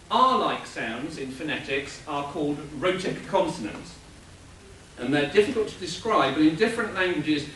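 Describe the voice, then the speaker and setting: Man lecturing lively in an echoey hall. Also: fairly high pitch, slight background noise. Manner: animated explanatory delivery with chuckles. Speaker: convention panelist. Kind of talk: lecture-style panel talk. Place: convention panel room. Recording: echoey room from a distance.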